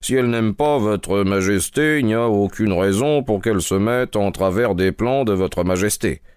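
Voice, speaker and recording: Guy doing a cool sharp detective, measured and dry, low-ish voice, storybook. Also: clear, resonant tone, no room sound, lightly acted. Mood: composed. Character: calm, sharp male detective. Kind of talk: audiobook reading.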